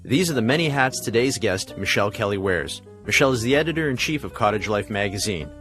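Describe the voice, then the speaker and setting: A man hosting a podcast, reading a smooth introduction and then asking questions. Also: on the low side, lively intonation, quick pace, fairly bright tone, soft background music. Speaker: podcast host. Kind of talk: scripted intro, then interviewing.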